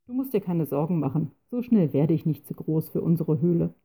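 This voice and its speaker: A calm, drowsy little dragon from a read-aloud storybook, teasing and unbothered, voiced by a woman. The voice is low and very dark, with a gravelly creak and a husky edge. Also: a little fast, exaggerated voice.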